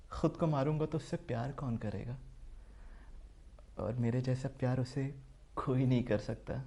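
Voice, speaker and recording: A man performing an audition monologue as an obsessed young man who kills his family, in an intense, brooding delivery that slowly turns unhinged. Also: medium pitch, mellow, slightly rough. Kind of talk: dramatic monologue.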